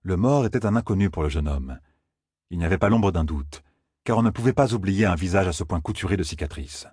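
A man reading a fantasy novel aloud as an audiobook narrator, with expressive storytelling. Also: low voice, brisk, slightly rough, no echo, clean studio sound. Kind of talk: scripted narration.

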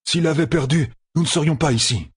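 A stubborn, worn-out young lord, as a male audiobook reader puts him on, pressing with urgent questions. The voice sits well above the reader's own and is very husky and breathy. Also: on the high side, fairly quick, dry recording, studio quality, pitched above the performer's own voice. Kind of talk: audiobook character voice.

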